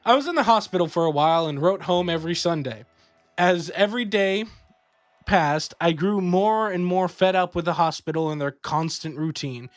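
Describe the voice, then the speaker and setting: A man co-hosting a podcast, reading a horror story aloud in a slow, steady storytelling way. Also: sits high, no room sound, faint music behind. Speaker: podcast co-host.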